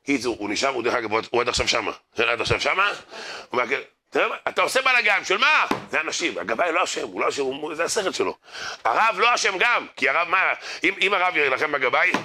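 A man's voice: mid-range voice, slight background noise. A man giving a humorous religious lecture to an audience, telling stories, acting out the people in them and urging his listeners to pay attention. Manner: lively storyteller who acts out others' voices and jokes; addresses the crowd directly, urging them to listen. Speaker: rabbi giving a Torah class.

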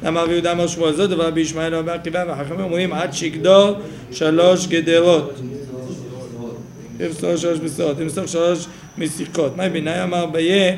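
A man's voice: on the high side, fairly even intonation, a crowd in the background. A man teaching a Talmud study class, explaining the text aloud and thinking it through with self-corrections.

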